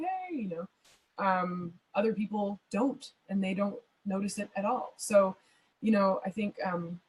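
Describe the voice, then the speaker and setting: A woman's voice: mid-range voice, darkish tone, breathy edge, rough recording. A woman guest in a question-and-answer session, answering at length in a thoughtful, rambling way with many fillers. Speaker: astrologer guest. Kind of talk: conversational Q&A answers.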